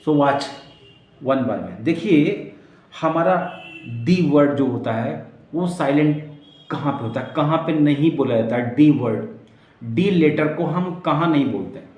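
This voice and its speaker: Man, Indian English accent, teacher, unhurried repetition, code-switching, roomy echo. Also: on the high side, expressive, lo-fi sound. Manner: slow, emphatic, repeats words for drills; mixes Hindi and English. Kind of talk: spoken English lesson. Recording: echoey room.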